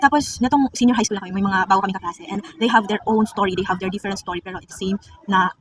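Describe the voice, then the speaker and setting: Brief: rapid-fire chatty woman vlogger, confiding tone, mic set back from her with room noise. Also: mid-range voice, steady tone, distant mic, low-quality recording. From Philippines. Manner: chatty, confiding, addresses viewers as girl. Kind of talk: casual confessional vlog.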